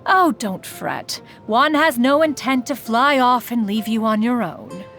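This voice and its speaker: A lofty immortal crane spirit. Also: female voice, fairly high pitch, a little slow, a bit bright, soft background music. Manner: formal, archaic speech, calls herself "one"; haughty yet teasing. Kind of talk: video game character voice lines.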